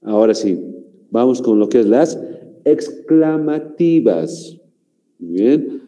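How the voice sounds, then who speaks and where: A man from Bolivia teaching a grammar class, speaking slowly and repeating himself, forever checking in with "¿no?" and "muy bien". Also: medium pitch, lively intonation, mellow, low-quality recording. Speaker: language teacher.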